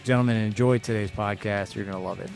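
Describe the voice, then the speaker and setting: A man with a Midwestern American accent hosting a podcast interview, talking in a casual, energetic way with plenty of fillers. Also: lowish voice, quick pace, creaky, loud music behind the voice. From St. Louis, USA. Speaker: podcast host.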